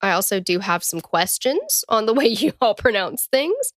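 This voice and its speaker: A woman's voice: mid-range voice, sing-song, normal speed, no room sound, studio quality. A woman co-hosting a casual true-crime podcast, joking and teasing between reading case background. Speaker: podcast co-host.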